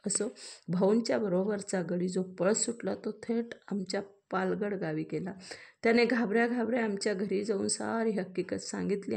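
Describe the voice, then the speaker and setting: A woman reading a classic storybook aloud in a measured way, pausing to explain old words. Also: medium pitch, vocal fry, mellow.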